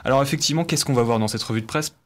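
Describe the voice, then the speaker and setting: A man's voice: mid-range voice, rapid-fire. Hesitant man reading sports press. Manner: hesitant, many fillers and restarts. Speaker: press review presenter on student radio. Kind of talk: radio press review.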